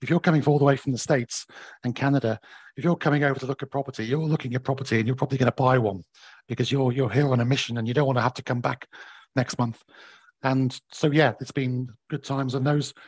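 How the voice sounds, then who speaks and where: Croaky, hoarse man in an interview. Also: mid-range voice, steady tone, fast talker, no echo. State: voice recovering from bruised vocal cords. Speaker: property company managing director, interviewee. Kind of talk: conversational market update interview.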